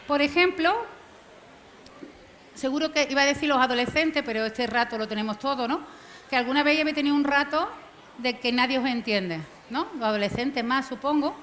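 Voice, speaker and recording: A middle-aged woman giving a lively popular science lecture, theatrical and self-mocking, acting out the voices of people she quotes. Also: high voice, brisk, a little hiss or hum. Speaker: mathematician giving a public lecture. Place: outdoor science fair stage.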